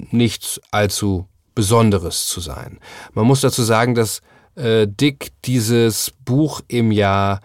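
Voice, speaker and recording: A man's voice: mid-range voice, no echo, studio quality. A man hosting a book podcast, chatting casually about a novel with frequent filler sounds. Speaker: podcast host.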